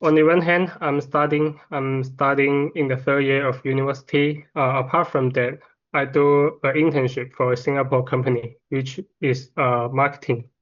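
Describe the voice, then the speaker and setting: A man's voice: medium pitch, level tone, normal speed, a bit bright, highs cut off. Hesitant young Chinese man at exam. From China. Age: 20s. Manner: hesitant, many "uh" fillers and repeats. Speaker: test candidate. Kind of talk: mock exam answers.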